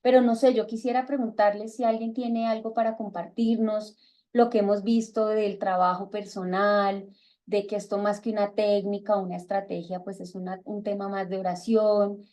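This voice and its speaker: A woman's voice: mid-range voice, moderate pace. A middle-aged woman with a Colombian accent leading a book club on a video call, talking casually and acting out bits of dialogue with a raised voice. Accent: Colombian Spanish. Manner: lively, acts out quoted dialogue in raised voice. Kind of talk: casual talk to a reading group.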